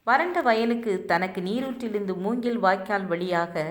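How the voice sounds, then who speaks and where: A woman narrating a devotional parable in an earnest, expressive storytelling manner. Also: medium pitch, moderate pace, echoey room.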